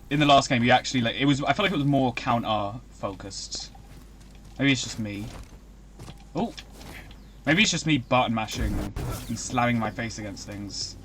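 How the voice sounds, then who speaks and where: A young man chatting casually as he streams a video game, rambling and breaking into excited outbursts. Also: mid-range voice, a little hiss or hum. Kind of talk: casual live-stream commentary.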